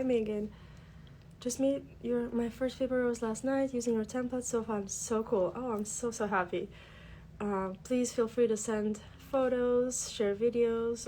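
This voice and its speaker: A craft tutorial host with a cold sounds congested as she livestreams casually from her desk, greeting viewers in chatty, filler-heavy speech. Albanian is her first language. Her voice is fairly high and mellow, with slight background noise.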